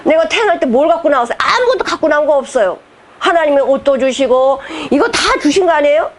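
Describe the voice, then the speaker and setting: A woman's voice: high voice, animated, quick pace. A woman pastor giving a heartfelt sermon, firing rhetorical questions at the congregation, her voice sometimes catching with emotion. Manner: impassioned preaching, voice catching with emotion.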